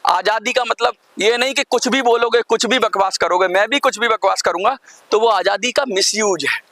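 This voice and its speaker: A man's voice: high-pitched, moderate pace, pushed and bright, no room sound. A man campaigning for pensioners, giving a rambling, preachy video talk straight to his viewers and breaking off his own sentences with fillers.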